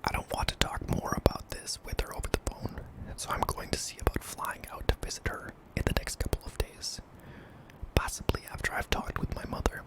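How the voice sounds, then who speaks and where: A man narrating a scary story in a hushed, breathy ASMR whisper, deliberate and broken into short phrases. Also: rough recording. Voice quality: breathy, mostly unvoiced whisper with some creak.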